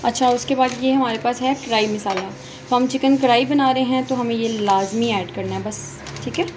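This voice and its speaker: Her voice a little high and fairly quick, a woman chats her viewers through a recipe step by step in her home kitchen. She holds her phone to record, and loud frying sizzle and stirring create background noise.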